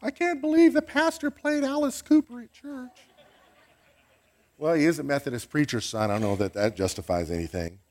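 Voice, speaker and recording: A male pastor delivers a sermon with great animation. His pitch sits a little high and swings widely as he piles up rhetorical questions. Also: lively intonation, normal speed, a little hiss or hum.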